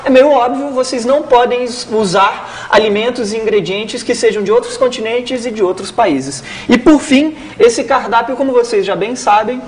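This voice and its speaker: A TV host presenting a school cooking challenge, talking directly to the students in a lively way. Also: medium pitch. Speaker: TV show host.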